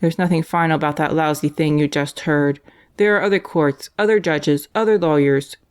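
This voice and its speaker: A woman's voice: deep voice, steady tone, moderate pace, a little mellow, clean tone, natural voice. A woman voicing a mocking, scheming male death row inmate who turns ingratiating. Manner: sneering, then ingratiating.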